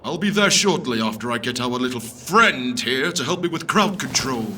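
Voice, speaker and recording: Man as forceful, bright-voiced Lord Shaxx. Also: medium pitch, animated, moderate pace. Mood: commanding. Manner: forceful, resounding, imperious. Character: huge commanding warlord, gruff but courteous. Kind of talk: audio drama acting. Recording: faint background noise.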